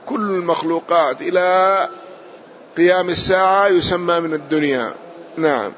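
Man explaining a text slowly. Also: fairly high pitch, fairly bright tone. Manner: measured explanation, repeats and rephrases, closes points with a short affirmation. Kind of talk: classical text lesson, explaining line by line. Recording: muffled lo-fi audio with faint hiss.

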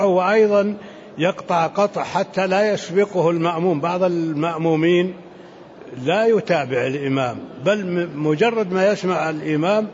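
A man, a sheikh giving unhurried commentary in a religious lesson, dropping into softer asides. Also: a little high. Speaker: sheikh commenting on a fiqh text. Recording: muffled lo-fi recording with faint hiss.

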